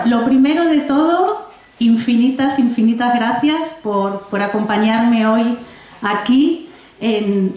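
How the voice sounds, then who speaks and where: Speaking in a slightly high voice with a darkish tone, an Argentinian author in her forties introduces her first book at a public library before an audience. The acoustics are very echoey, and her talk is chatty, with frequent restarts and asides.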